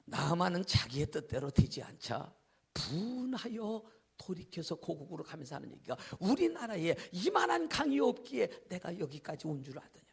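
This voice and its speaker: A male pastor preaches an evening revival sermon in a church hall, telling a story dramatically and acting out characters, shifting from shouts to whispers. His high-pitched voice swings widely, with vocal fry and a breathy edge, at normal speed.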